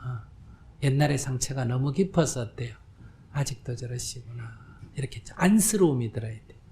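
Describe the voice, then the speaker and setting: A man's voice: mid-range voice, moderate pace, vocal fry, dark tone, a little hiss or hum. An older man, a Buddhist monk, giving a conversational question-and-answer dharma talk, often asking listeners whether they understand and acting out quoted voices. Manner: acts out quoted voices, drops to whispers. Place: lecture hall with audience.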